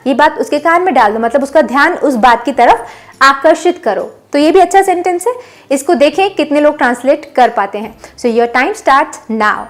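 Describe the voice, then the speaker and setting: A woman with a high-pitched voice leads a spoken English lesson, giving each sentence in Hindi and then in English. She says every phrase slowly and repeats it several times so learners can follow. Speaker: English teacher.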